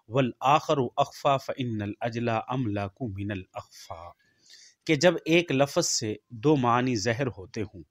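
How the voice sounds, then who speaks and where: A middle-aged man teaching Islamic jurisprudence, reciting Arabic rules slowly and explaining them. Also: mid-range voice, no echo, clean studio sound. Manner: slow, deliberate recitation of Arabic texts, then explaining in Urdu. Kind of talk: religious lecture.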